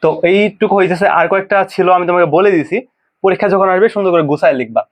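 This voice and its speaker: Man, slightly raised pitch, casual tutor, repeats terms for drilling. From Bangladesh. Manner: casual, drills pronunciations by repeating them slowly. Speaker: biology tutor. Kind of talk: informal exam-prep lecture.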